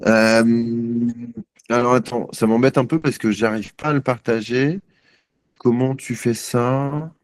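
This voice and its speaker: A man's voice: medium pitch, steady tone, slow pace, no echo. A man on a live video call, hesitant and self-deprecating as he struggles to share his screen. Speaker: guest journalist.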